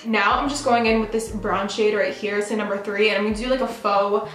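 A woman's voice: mid-range voice, steady tone, a little fast, a bit bright, reverberant, rough recording. A young woman from New York chatting casually while doing her makeup at home, filling her talk with "like". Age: young adult. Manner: chatty, lots of "like" fillers. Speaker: beauty vlogger. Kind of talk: get-ready-with-me chat. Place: bathroom at home.

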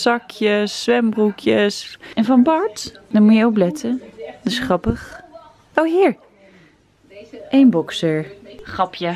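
A young woman chatting casually to camera in a home vlog, now and then switching to a high sing-song voice for her baby. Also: darkish tone. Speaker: vlogger.

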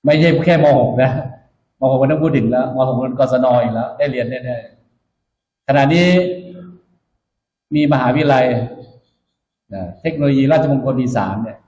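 A man's voice: medium pitch, measured pace, pauses often, mellow. Military officer, man in an echoey space. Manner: instructive, emphatic, repeats key points. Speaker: military officer addressing new recruits. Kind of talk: motivational orientation speech to recruits. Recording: echoey room, dull muffled sound.

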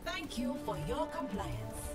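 A woman voicing a calm, dutiful female guardian robot through a metallic robot filter, giving formal, measured commands and status reports. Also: high voice, loud music behind the voice. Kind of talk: video game character voice lines.

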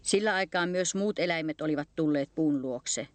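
A woman narrating a cartoon story in an expressive storybook manner. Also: sits low, dry recording. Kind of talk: scripted narration. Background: faint music.

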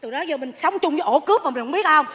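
A woman's voice: high voice, very fast. An actress playing a gossipy woman who sweeps leaves at a temple, in a live stage comedy. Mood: gossiping. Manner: excitable gossip, exclaiming. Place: large theater stage. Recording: stage hall with audience.

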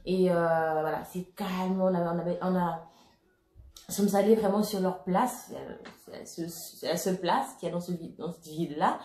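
A woman's voice: fairly low pitch, normal speed. Chatty woman vlogging in an echoey room. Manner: chatty and excitable, frequent laughs and fillers. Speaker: beauty vlogger. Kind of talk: casual product unboxing chat.

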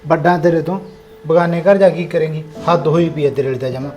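A man's voice: on the high side, fast talker, dark tone, faint music behind. A young man with a Punjabi accent acting a farmer son in a village drama, scolding and complaining.

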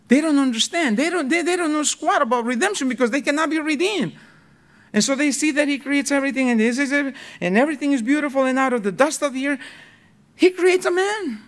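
A male pastor preaching a sermon, telling the story dramatically and swinging between loud bursts and hushed, slow passages. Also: very high voice. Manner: repeats words when excited.

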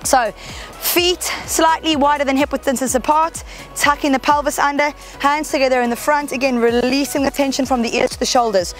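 A woman's voice: sits high, steady tone, moderate pace, faint music behind. A woman fitness instructor leading a workout, cheering on and counting down reps, a bit out of breath from moving along, with a mic close to her mouth. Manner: upbeat, encouraging, counting down reps. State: slightly out of breath while exercising. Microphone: headset or clip-on mic close to mouth.

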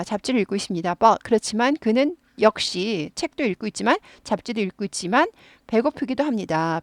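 A woman's voice: fairly high pitch, no echo, clean studio sound. Patient Korean woman teaching English grammar. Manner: patient, repeats words slowly for drilling.

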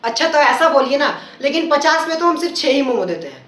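A man's voice: extremely high pitch, very animated, fast talker, a bit bright, exaggerated voice. A man playing a pushy, sarcastic male momo street vendor who gives snappy replies. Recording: roomy, from far off.

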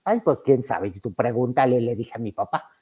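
Animated Mexican woman telling a story. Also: extremely low pitch, moderate pace, slightly rough. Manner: animated, acts out quoted voices, laughs often. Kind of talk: casual anecdote among friends.

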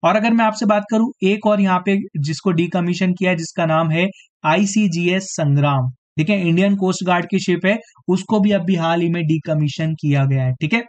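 A man teaching a live online exam-prep quiz speaks in a high voice at a moderate pace, sounding slightly hoarse and clearing his throat now and then. He addresses his students directly and keeps tagging his sentences with "theek hai" to check they agree.

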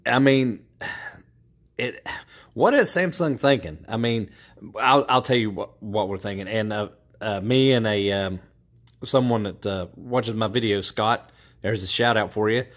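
A man's voice: lowish voice, a little slow. A man in a casual tech vlog, rambling with frustration, full of fillers and restarts, recorded indoors at home. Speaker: TV tech YouTuber.

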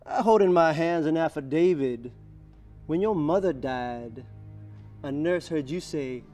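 An actor playing a smooth, cunning lawyer who cross-examines in a cool, quietly needling manner. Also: male voice, on the high side, lively intonation, a little slow, faint music behind. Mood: probing.

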